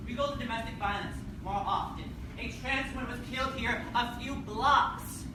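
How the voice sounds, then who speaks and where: Shouting woman in a very echoey room. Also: fairly high pitch, normal speed. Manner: emphatic, accusatory, shouting. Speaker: protester. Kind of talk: heated public confrontation. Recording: very echoey noisy room, far off.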